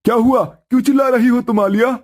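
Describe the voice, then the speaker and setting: Cartoon husband, young, fussy, man voicing him: high, loud, scolding. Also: fairly even intonation, brisk. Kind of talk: cartoon story voice acting.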